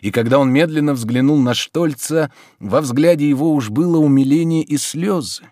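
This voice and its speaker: A man reading a classic novel aloud as narrator, expressive and measured. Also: fairly high pitch, no echo, clean studio sound. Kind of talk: audiobook reading.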